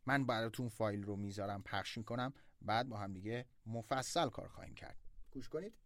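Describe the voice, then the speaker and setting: A teacher running a pronunciation lesson, repeating words slowly and exaggerating sounds to demonstrate them. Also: mid-range voice, fairly bright tone, no echo, clean studio sound.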